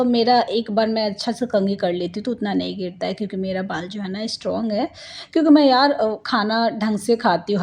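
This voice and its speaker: A woman's voice: medium pitch, darkish tone. A woman in her thirties from India, narrating her family vlog in a chatty, rambling way full of homely asides. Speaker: family vlogger, mother.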